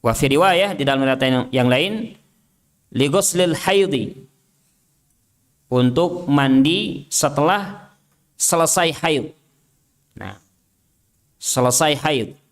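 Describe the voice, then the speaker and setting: A man's voice: medium pitch, lively intonation, slow, pauses often. A man teaching an Islamic study class. He reads Arabic text aloud, translates and explains it, and drills his students with short questions. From Indonesia. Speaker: religious teacher.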